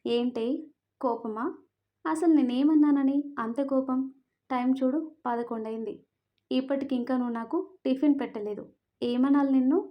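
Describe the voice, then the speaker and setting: A woman's voice: high voice, steady tone, moderate pace, pauses often, lo-fi sound, natural voice. A woman voicing a young husband who teases and sounds mildly exasperated. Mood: teasing. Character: young husband, teasing and impatient.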